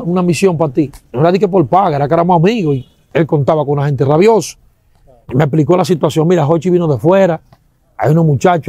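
A man with a Dominican accent giving an animated testimony, acting out sounds and quoting people, with religious exclamations. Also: a little high, dry recording.

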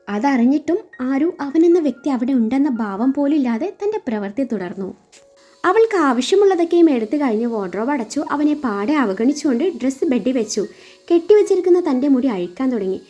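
A woman storyteller reading a romance story aloud in a soft, even narrating voice. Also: high-pitched. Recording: slightly dull audio, faint music.

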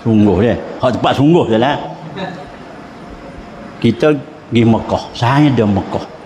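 A man's voice: mid-range voice, measured pace, mellow, a little hiss or hum. A man with a Pattani Malay accent giving a humorous Islamic lecture, telling anecdotes and chuckling often. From southern Thailand. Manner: anecdotal storytelling with frequent chuckles. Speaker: Islamic religious teacher. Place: mosque hall. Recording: echoey mosque hall.

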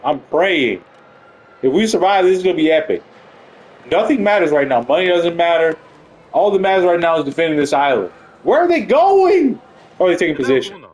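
A man giving excitable, profane live commentary while playing a video game. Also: fairly high pitch, a little fast, rough recording. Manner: excitable, profane, swings between panic and triumph. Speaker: gaming channel host. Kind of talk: live let's-play commentary.

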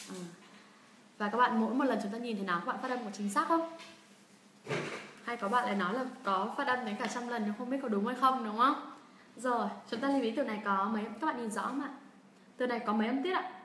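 Young woman, pronunciation teacher on a livestream, fairly high bright voice, echoey room. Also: a little hiss or hum. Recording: roomy echo.

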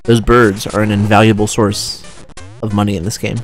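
A young man giving casual, chatty commentary while playing a video game, often excited and restarting his sentences. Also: fairly low pitch, moderate pace. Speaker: let's play commentator. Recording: faint game music behind.

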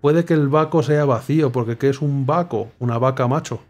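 A young man talks his way through a puzzle game, reading clues half to himself and breaking into sudden excited cries when something clicks. His voice sits at an ordinary middle pitch for a man, and the tone stays loose and conversational. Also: a little fast. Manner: thinks aloud, muttering clues, sudden excited exclamations. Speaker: gameplay streamer. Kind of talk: casual puzzle game commentary.

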